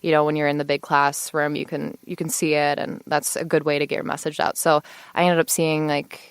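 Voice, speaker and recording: A woman's voice: low-pitched, little pitch movement, brisk, clear, resonant tone, dry recording. A woman in her twenties, a law student, chatting as a podcast guest with lots of fillers and easy laughs. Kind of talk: casual podcast interview.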